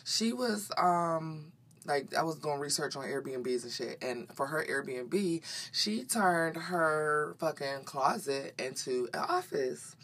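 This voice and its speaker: A woman with a slightly raspy morning voice, chatting casually as a podcast host in a sassy, profane, unfiltered way. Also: sits low, animated, takes it slowly, fairly bright tone. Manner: sassy, profane, unfiltered, says "honey" often. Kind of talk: casual chat, solo podcast. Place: walk-in closet at home.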